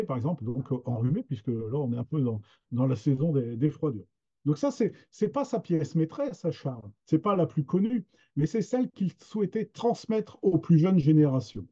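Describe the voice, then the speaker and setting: A man's voice: a little high, animated, normal speed, dark tone, breathy edge. A man giving an unscripted webinar talk, hesitant and full of fillers and restarts. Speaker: webinar presenter on regional literature. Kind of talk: unscripted lecture. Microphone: video call. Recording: dull lo-fi webinar audio.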